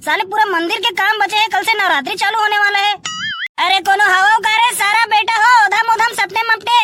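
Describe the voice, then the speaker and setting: A woman's voice: extremely high pitch, steady tone, fairly quick, over music. A woman trading rowdy, scolding banter in a comic skit. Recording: noisy recording.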